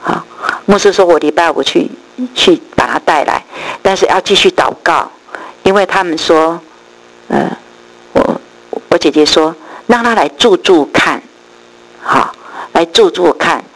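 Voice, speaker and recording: Middle-aged woman, gravelly edge, animated church testimony. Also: fairly low pitch, rough recording. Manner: lively storytelling, acts out quoted voices, many drawn-out particles. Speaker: church speaker giving testimony. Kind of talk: spoken testimony storytelling.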